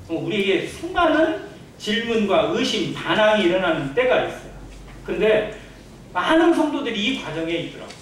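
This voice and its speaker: A man's voice: high-pitched, slight background noise. Man preaching in a very echoey church. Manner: conversational preaching with rhetorical questions to the congregation. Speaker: pastor. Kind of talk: Sunday sermon. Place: church sanctuary. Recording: very echoey church hall, from a distance.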